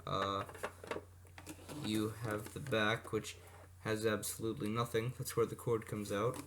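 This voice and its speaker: Flat and measured, a man with a low-side, fairly bright voice presents vintage electronics for a hobby video. The unscripted demo rambles with asides and self-corrections, and the amateur audio is noisy with clicks.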